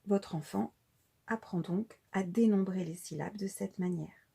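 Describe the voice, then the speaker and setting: Preschool teacher, woman, slow and deliberate, husky mellow voice. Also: medium pitch. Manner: slow and deliberate, spelling out syllables. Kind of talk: slow instructional explanation for parents.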